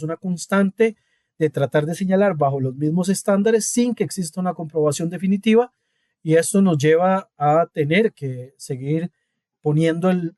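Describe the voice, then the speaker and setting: A man's voice: fairly high pitch, a little mellow, no echo, clean studio sound. Man giving a radio column. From Costa Rica. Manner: measured, with hesitant fillers. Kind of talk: commentary column by phone.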